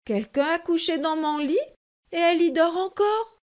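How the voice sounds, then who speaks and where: A tiny baby bear whimpers in a high, small voice, as a woman reads the story aloud. The little cub sounds upset and pitched up. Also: fairly even intonation, slow. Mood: surprised.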